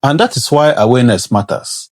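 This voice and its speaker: A man with a heavy non-native accent talks to camera in an earnest, instructive way. His voice is husky. The sound is dry and close, with no room echo. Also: medium pitch, animated, brisk, darkish tone. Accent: non-native English, heavy. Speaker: career vlogger. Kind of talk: advisory talk to camera.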